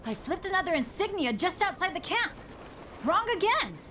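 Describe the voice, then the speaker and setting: A woman's voice: very high voice, sing-song, normal speed, fairly bright tone, soft background music, exaggerated voice. A woman voicing a cheerful but unlucky teenage adventurer boy in a video game, who stammers and talks himself down. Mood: upbeat. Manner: stammers and turns self-deprecating.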